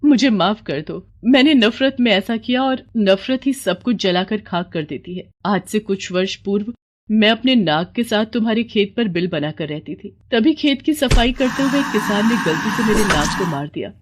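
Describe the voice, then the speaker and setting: A woman voicing a remorseful female snake spirit in a cartoon story, with a breathy, pleading voice. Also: mid-range voice, expressive, moderate pace, pitched above the performer's own voice, close to an everyday voice. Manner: pleading, confessional.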